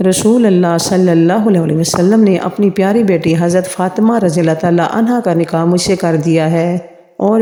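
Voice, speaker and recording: A reverent storytelling voice with a dark, mellow tone, reading a scripted account at an even, steady pace. The sound carries a long, roomy reverb, as if it were recorded in a large echoing space. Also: medium pitch. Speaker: narrator of religious history stories. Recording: reverberant, echoey room with long tail.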